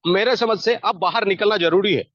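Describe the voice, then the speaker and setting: A high-pitched man delivers an emphatic, repetitive business pep talk, stacking phrase on phrase to push his point. The sound is dry and slightly dull, like a lo-fi recording. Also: moderate pace, dry recording. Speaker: network marketing team leader.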